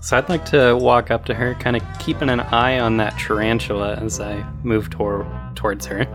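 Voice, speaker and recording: A man's voice: medium pitch, little pitch movement, moderate pace, a bit bright, faint music behind. A man playing a character in a tabletop role-playing podcast, joking around in a playful way. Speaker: player. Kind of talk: tabletop game chat and in-character talk.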